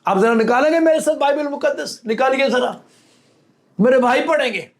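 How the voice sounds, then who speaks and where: A man's voice: extremely high pitch, moderate pace. A man preaching a sermon, teaching by example and acting out quoted lines with rising emphasis.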